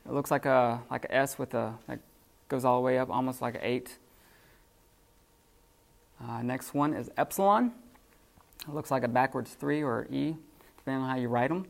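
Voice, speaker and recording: A man teaching a classroom lesson off the cuff, halting with many fillers and restarts. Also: medium pitch, vocal fry. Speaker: Greek teacher.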